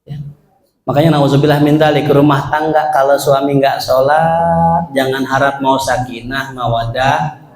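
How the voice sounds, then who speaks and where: A man's voice: medium pitch, steady tone, measured pace, darkish tone. A man preaching a joking sermon in a mosque, addressing the congregation directly. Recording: echoey mosque hall.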